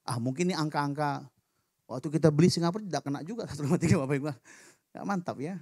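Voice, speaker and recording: A man preaching a sermon in a church, lively and joking with the congregation. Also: fairly high pitch, rapid-fire, slightly rough, dry recording, clean studio sound. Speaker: pastor. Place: church hall.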